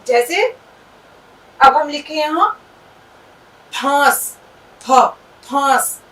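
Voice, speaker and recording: A woman with a high voice gives an Urdu lesson, patiently sounding out letters and words. She draws out each sound and checks in with her listeners. She sounds a little distant from the microphone. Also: animated, very slow, bright, forceful tone. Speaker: Urdu teacher. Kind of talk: language lesson.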